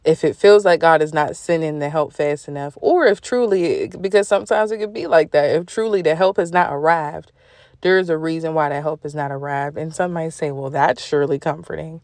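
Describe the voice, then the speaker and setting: Low-voiced woman giving a casual devotional talk. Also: fairly quick, darkish tone, no room sound. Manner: conversational, informal, laughing asides. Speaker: podcast host. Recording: dry close recording.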